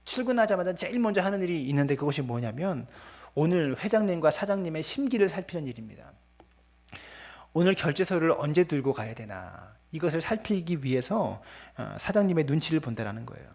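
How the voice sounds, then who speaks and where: A pastor delivers an earnest sermon in a husky, slightly breathy voice pitched a little high for a man. He speaks straight to the congregation with a preacher's cadence. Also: sing-song, fairly quick, darkish tone. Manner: earnest preaching, acts out scolding parents in quoted lines; addresses the congregation often.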